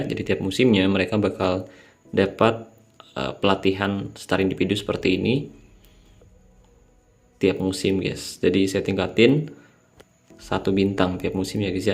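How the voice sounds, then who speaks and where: Sleepy late at night, a young mobile game channel host gives a casual gameplay tutorial voice-over explaining a mobile game strategy and calling his viewers "guys". His low, darkish voice sounds slightly nasal and drowsy.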